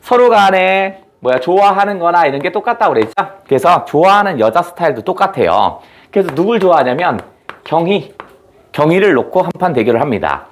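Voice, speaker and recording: A man's voice: on the high side, very animated, a little fast. A young adult man giving an exam-prep literature lecture in a chatty way, asking students rhetorical questions and acting out lines. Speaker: Korean literature teacher.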